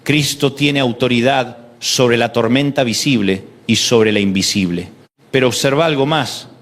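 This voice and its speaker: A man preaching a devotional sermon in a Rioplatense Spanish accent, emphatic, with rhythmic repetition and slow dramatic pauses. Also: medium pitch.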